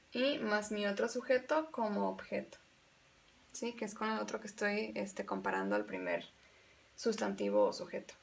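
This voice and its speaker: An English teacher with a gravelly, mid-range voice gives a grammar lesson in both Spanish and English, moving patiently through each step and repeating examples.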